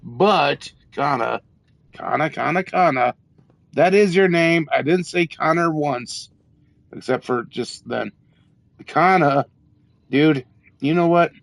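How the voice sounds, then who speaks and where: A drunk man hosts a game stream in a casual, rambling way. His voice is gravelly and creaky, and he takes his time getting sentences out. The sound is close and dry. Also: on the high side, slow pace, long pauses, no room sound. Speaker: livestream gamer host.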